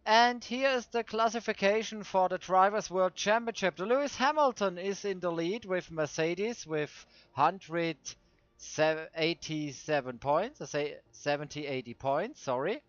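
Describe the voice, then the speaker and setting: A man with a Swiss German accent, a native German speaker, hosting casual gameplay commentary and searching for his words in halting English. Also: high voice, fairly bright tone, dry recording. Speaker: host of a racing game video series. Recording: dull lo-fi dry microphone.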